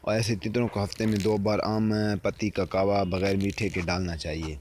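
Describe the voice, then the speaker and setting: Low-voiced man giving bird-care tips. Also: flat delivery, darkish tone, slight background noise. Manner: repeats and rephrases points, addresses viewers as friends. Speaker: partridge-keeping advice host. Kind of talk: spoken instructional tips.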